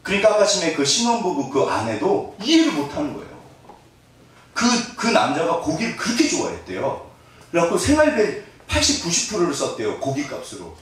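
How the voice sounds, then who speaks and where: A middle-aged pastor delivers a sermon in a church hall, joking with the congregation and acting out small scenes. His voice runs high with wildly swooping pitch at a fairly quick pace. The recording is echoey, with the mic at a distance and faint noise.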